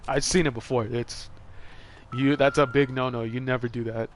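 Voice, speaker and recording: A man chatting casually as he plays through a game on stream. He laughs often and swears freely, his voice sitting at an ordinary middle pitch. A faint hiss runs under his talk. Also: fairly even intonation, normal speed. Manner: laid-back, laughing, heavy swearing. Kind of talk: casual gaming commentary.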